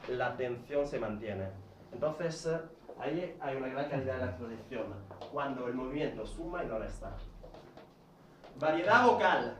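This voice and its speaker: A man's voice: mid-range voice, a little hiss or hum. A man from Italy with an Italian accent gives an educational talk at a speaking club, methodically listing points and explaining each with examples. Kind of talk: educational talk to a live audience. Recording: echoey room, recorded from a distance.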